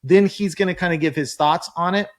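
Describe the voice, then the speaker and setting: A man's voice: high-pitched, a little fast. A man hosting a casual interview as a learner, talking in an informal, colloquial way. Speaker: host and learner.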